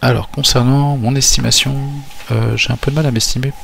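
A man's voice: mid-range voice, steady tone, brisk, creaky, a bit bright, soft background music. A man walking through his tabletop army list for a battle report, talking hesitantly with many fillers and restarts. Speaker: tabletop wargame player.

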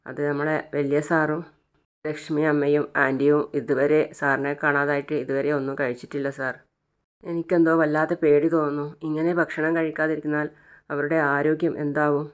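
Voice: medium pitch, flat delivery, moderate pace, clear, resonant tone, close to an everyday voice. An anxious housemaid, read by a narrator. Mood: worried. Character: anxious housemaid reporting to her boss.

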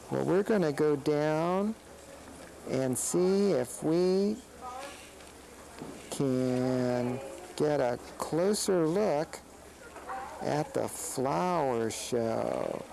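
Friendly kids'-show snake, as a performer voices it, very gravelly, dark tone. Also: mid-range voice, big pitch swings, drawn-out words, pauses often, slight background noise, full character voice, low-quality recording. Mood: gentle. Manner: gentle, explaining to children. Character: friendly snake puppet touring a flower show. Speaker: children's show presenter. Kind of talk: kids' TV field segment.

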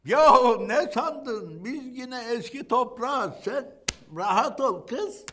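An actor playing a lewd, incontinent old man in his seventies courting on a dating show, with a crude, slow drawl. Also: very high-pitched, expressive, a bit bright, exaggerated voice. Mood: bawdy. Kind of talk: comedy sketch, dating show parody.

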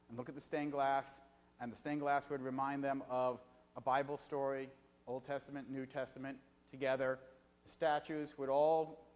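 A middle-aged man giving an evening lecture in a conversational way, pausing often on filler sounds. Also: medium pitch. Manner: conversational, frequent filler pauses. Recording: reverberant hall.

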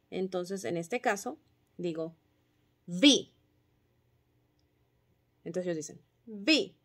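A woman teacher patiently explaining phonics drills and sounding out syllables and letter sounds clearly. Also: mid-range voice, a bit bright. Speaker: kindergarten teacher.

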